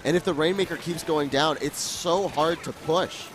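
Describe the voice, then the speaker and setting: A man doing live esports commentary as a playful, excitable co-caster. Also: on the high side, normal speed, noisy background.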